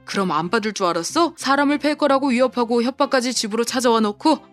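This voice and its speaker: A woman voicing a big, burly off-duty male police officer in an audio drama, speaking calmly and coldly with sarcastic questions. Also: on the high side, fast talker, faint music behind, close to an everyday voice. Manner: calm, cold, sarcastic questions.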